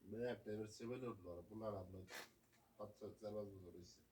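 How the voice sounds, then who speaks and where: A man's voice: on the low side, steady tone, quick pace, very noisy. A man, chatting loosely and casually about his bird. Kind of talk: casual chat.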